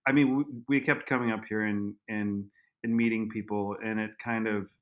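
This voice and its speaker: Low-voiced guy on a podcast, stumbles and restarts a lot, chatty. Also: steady tone, lo-fi sound. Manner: halting, many fillers and restarts. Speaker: guest, vineyard owner. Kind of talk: casual interview.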